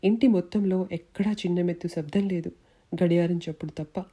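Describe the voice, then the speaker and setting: A woman narrating a novel in a steady, measured reading voice. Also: lowish voice. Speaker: audiobook narrator. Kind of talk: storytelling narration.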